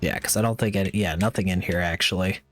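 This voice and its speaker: A man's voice: low voice, fairly even intonation, quick pace, faint music behind. A man streaming a video game, giving casual commentary and reading in-game text aloud.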